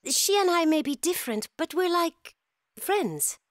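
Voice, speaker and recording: A woman voicing a gentle, hesitant young girl in an animated cartoon, speaking politely. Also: very high voice, unhurried, no echo, studio quality, full character voice. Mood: apologetic. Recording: music behind the dialogue.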